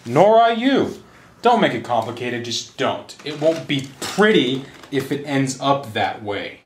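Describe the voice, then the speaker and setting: A man's voice: mid-range voice, big pitch swings, unhurried, roomy sound, slight background noise. A man playing a sneering gangster interrogator. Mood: menacing. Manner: mocking, taunting, theatrical. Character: sarcastic menacing male gangster interrogator. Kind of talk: amateur short film acting.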